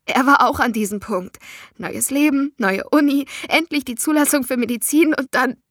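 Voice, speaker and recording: A woman's voice: sits high, moderate pace, fairly bright tone, no room sound, studio quality, pitched above the performer's own voice. A woman reading a distraught young student. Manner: choked, pleading.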